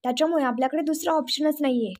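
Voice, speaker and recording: A woman's voice: sits high, very fast, a little mellow, lightly acted. A woman voicing a proud, quarrelsome rich young man who boasts and snaps at his companion. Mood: bossy. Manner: boastful, snapping.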